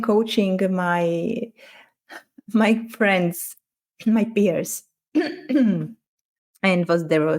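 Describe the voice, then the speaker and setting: A woman's voice: on the low side, a little mellow. Woman coach, reflective podcast talk. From Croatia. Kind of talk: casual podcast conversation.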